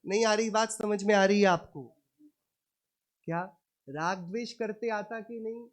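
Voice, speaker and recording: A man preaching an afternoon Jain sermon in an unhurried, deliberate rhythm. He keeps putting questions to his audience, addressing them as brother. His delivery is emphatic and rhetorical. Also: sits high.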